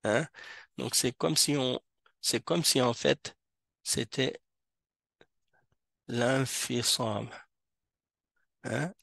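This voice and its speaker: A man teaching an Arabic reading class in a mosque, explaining patiently and repeating each word slowly to drill pronunciation. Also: mid-range voice, vocal fry, a bit bright, husky, no echo, clean studio sound. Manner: slow, repeats words and verses to drill pronunciation.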